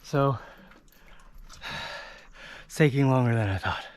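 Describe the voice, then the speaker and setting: An out-of-breath man talks casually outdoors on a lake, pausing as he explains a technique he is practicing. His voice sits at an ordinary middle pitch, and his delivery is loose and conversational. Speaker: foiling vlogger.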